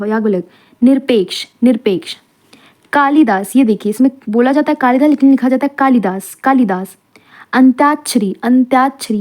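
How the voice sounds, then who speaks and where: A woman's voice: fairly high pitch, dark tone. Woman teacher repeating and spelling words. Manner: repeats each word slowly, spells out letters and vowel marks. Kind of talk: spelling lesson for exam revision.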